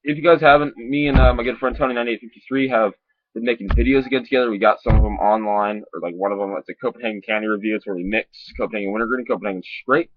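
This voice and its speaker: A man talking with a lip full of dip, giving a casual, rambling, sweary and halting review to camera. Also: lowish voice, steady tone, dry recording. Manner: sweary, informal, halting and repetitive. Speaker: dip reviewer on a video channel. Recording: dull lo-fi sound.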